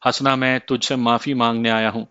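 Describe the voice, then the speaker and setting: A man's voice: mid-range voice, little pitch movement, sharp tone, clean tone, no room sound, lightly acted. A man reading the part of a remorseful estranged husband who pleads and implores, in a slightly muffled dry recording.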